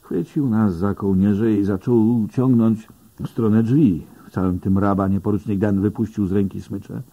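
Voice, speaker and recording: Low, husky male audiobook narrator. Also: steady tone, normal speed, dark tone, dull audio. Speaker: audiobook reader. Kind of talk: first-person audiobook narration.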